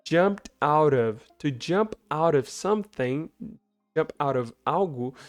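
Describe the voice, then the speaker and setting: Speaking slowly and expressively at a fairly high pitch, this male English teacher reads out lines from a story and translates them for learners. Faint music plays behind him with no echo, and he peppers his explanation with tag questions aimed at the viewer.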